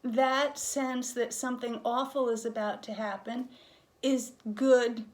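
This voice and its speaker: A woman with a somewhat high voice leads a candid interview. She talks in a frank, reflective way and leans on her words for emphasis, keeping it conversational. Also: fairly even intonation, takes it slowly. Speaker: interviewer and hospice patient.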